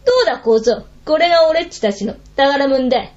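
Storybook ogre boss, rough and coarse, lively delivery, put on by a woman narrator; lo-fi recording. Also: high voice, brisk. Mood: boastful. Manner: rough, coarse street talk. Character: gruff bossy male ogre chief.

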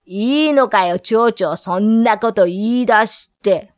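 A woman voicing a cocky, shady male piper who demands his pay in a rough, drawn-out way, in a told story. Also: medium pitch, no room sound, studio quality, close to an everyday voice. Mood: mocking.

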